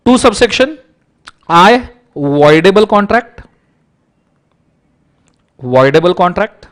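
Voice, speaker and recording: Slow, playful male law lecturer. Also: sits high, expressive. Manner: playful, repeats mnemonics many times; mixes English terms into Hindi.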